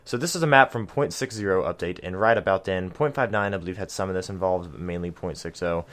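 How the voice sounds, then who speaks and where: A man's voice: deep voice, fast, fairly bright tone. A man giving a casual map guide for a video game, chatty, with lots of ums and self-deprecating asides. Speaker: gaming video creator.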